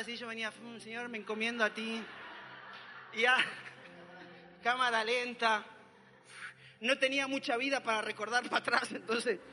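High-voiced man telling a story. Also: long reverb tail. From Argentina. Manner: animated, dramatic storytelling. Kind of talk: personal testimony storytelling.

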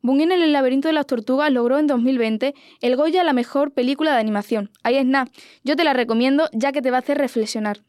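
A woman reporter giving scripted narration in a brisk, upbeat way. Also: high-pitched, a little mellow, clear, resonant tone, no echo, clean studio sound.

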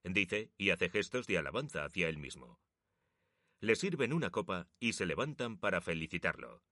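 A man narrating a story in a measured, emotive reading. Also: low-pitched, sing-song, sharp tone, dry recording, clean studio sound.

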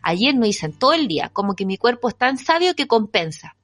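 A woman's voice: fairly high pitch, big pitch swings, brisk, fairly bright tone. A young Chilean woman co-hosting a casual chat, frank and jokey, swearing freely. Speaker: podcast co-host.

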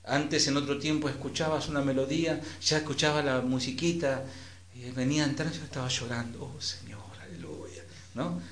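A man with an Argentine accent preaching a sermon as pastor, switching between loud emphatic phrases and soft trailing endings, with conversational asides to the congregation. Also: medium pitch, fairly even intonation, fairly quick, echoey room.

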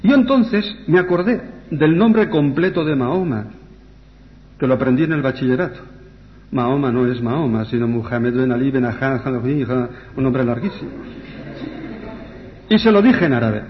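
A man's voice: mid-range voice, expressive, moderate pace, pauses often. A man, a priest, telling a story on the radio and then answering questions. He tells it with animation and acts out the people he quotes. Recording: dull radio recording with long reverb.

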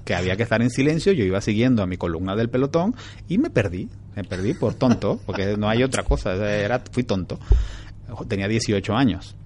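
A man from Venezuela, a guest in an interview, telling his story in a calm, frank and reflective way. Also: fairly low pitch, fairly quick, slight background noise. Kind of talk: relaxed storytelling in conversation.

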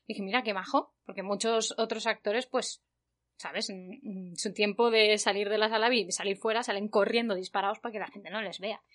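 A woman from Spain hosting her podcast, telling an anecdote in a chatty, animated way with a Spain Spanish accent. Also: medium pitch, brisk. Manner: chatty, animated, acts out quoted voices. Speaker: podcast host. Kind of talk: casual anecdote storytelling.

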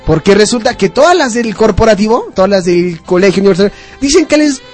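A young man hosts a chatty radio show, teasing his co-host and breaking into laughter. His voice sits high for a man. Faint music plays behind him. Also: expressive, quick pace, darkish tone. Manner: playful, teasing, laughs often. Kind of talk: casual radio banter.

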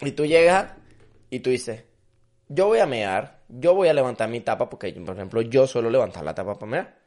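Animado venezolano bromista, voz viva. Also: male voice, medium pitch, normal speed. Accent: Venezuelan Spanish. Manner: joking, crude, animated storytelling. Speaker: podcast co-host. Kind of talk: casual chat. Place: living in Madrid.

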